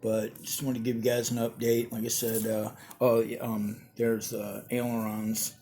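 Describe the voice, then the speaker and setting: A tired, yawning man talks casually through a hobby build update, wandering through fillers and restarts. His voice is mellow and mid-pitched. Faint noise sits under the recording. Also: monotone, moderate pace. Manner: rambling, many fillers and restarts.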